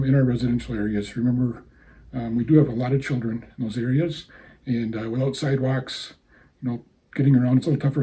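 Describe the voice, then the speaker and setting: A man gives an informal public announcement as a small-town mayor. His voice is very dark and mellow at an average pitch. He talks haltingly and off the cuff, in a folksy way. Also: poor audio.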